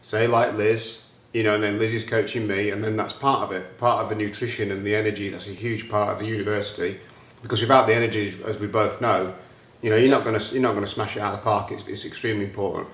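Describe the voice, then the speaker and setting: A man, hosting a casual chat and talking about his plans in an animated, excitable way. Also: fairly low pitch, fast, roomy sound. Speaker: host.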